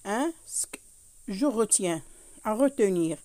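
A woman's voice: medium pitch, expressive, slow pace, mellow, no echo. A woman teaching a French lesson to children, patiently going over each point again and checking in with "hein".

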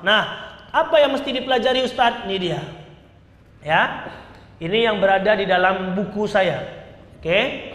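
A high-voiced man gives a seminar on public speaking. He quizzes his listeners and acts out examples. His voice rings through a roomy hall with a long echo. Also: fairly bright tone. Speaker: public speaking trainer and Islamic teacher. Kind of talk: seminar talk to a live audience. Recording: echoey hall with long reverb.

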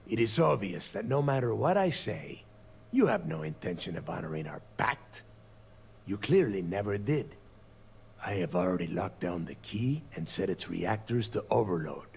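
An actor playing a cunning, bitter space pirate captain in a video game, sneering and taunting, dropping into hushed asides. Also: male voice, fairly low pitch, big pitch swings, normal speed, creaky, a little hiss or hum. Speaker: game character.

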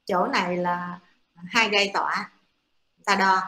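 Woman lecturing with fillers, bright echoey voice. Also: mid-range voice, steady tone, slow. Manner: explanatory, many fillers. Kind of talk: classroom lecture. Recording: echoey room.

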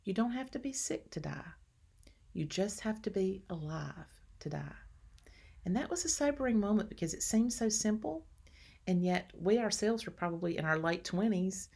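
A woman in her thirties giving an earnest, gentle devotional talk to her viewers, speaking in a preacherly way. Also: medium pitch, expressive, normal speed, gravelly, husky. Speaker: homemaking channel host.

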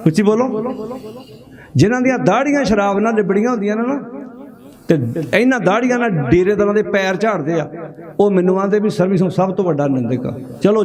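Middle-aged Punjabi preacher, high-pitched, prodding his congregation, crowd noise in the background. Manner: fiery, rhetorical questions, urging the crowd to answer. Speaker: Sikh preacher. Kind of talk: sermon to a congregation.

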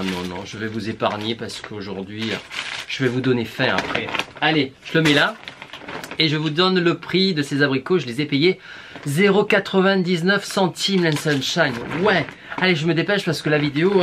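A man's voice: mid-range voice, noisy background. Male vlogger, southern French accent, playful and exclamatory, mid-range voice. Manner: chatty, playful, exclamatory, talks straight to viewers. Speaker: beauty vlogger. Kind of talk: casual shopping haul vlog.

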